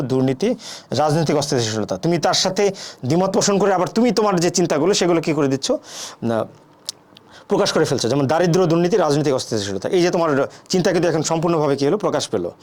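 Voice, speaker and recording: Man lecturing, fairly high voice. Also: a little mellow. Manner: asks questions and answers them himself; frequent "thik ache" and "ah" fillers. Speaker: debate teacher. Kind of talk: classroom lecture.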